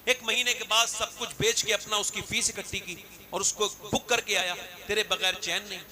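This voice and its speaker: A man's voice: fairly even intonation, normal speed, sharp tone. A male preacher telling a story in his sermon in a dramatic, emotive way at a religious gathering. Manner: dramatic, emotive, rising to a high pitch on key lines. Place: religious gathering with a live audience.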